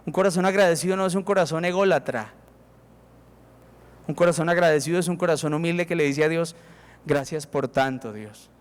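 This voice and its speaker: A man's voice: on the high side, steady tone, fast, pauses often, clean tone. A man with a Colombian accent preaching a sermon as pastor, emphatic and acting out prayers to God. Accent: Colombian Spanish. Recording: reverberant hall.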